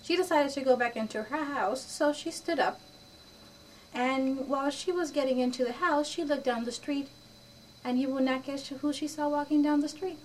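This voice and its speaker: A woman telling a children's story aloud, lively and animated, playing each character. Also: sits high, moderate pace. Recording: distant mic with faint background noise.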